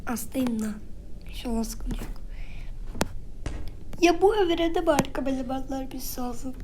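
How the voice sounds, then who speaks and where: A woman's voice: high voice, moderate pace. A woman commentating her gameplay casually, swearing playfully, bantering with herself and often slipping into an unvoiced whisper. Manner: swears playfully, talks back and forth to herself. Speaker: gaming channel host. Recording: noisy home recording.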